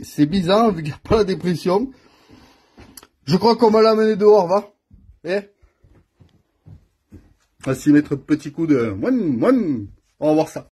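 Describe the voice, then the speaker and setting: A fairly high-pitched man with a husky edge to his voice, recording himself on a phone in his home workshop. He talks casually and directly to the viewer, filling pauses and thinking out loud as he tinkers. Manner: chatty, talks straight to the viewer, thinks aloud with fillers. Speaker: scooter mechanic vlogger. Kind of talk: casual how-to vlog. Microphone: phone filming himself.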